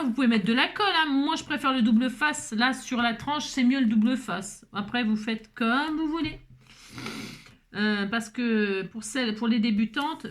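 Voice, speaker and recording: A woman's voice: on the high side, slight background noise. A woman hosting a casual scrapbooking tutorial, chatting with rambling asides and lots of fillers. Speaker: craft tutorial host.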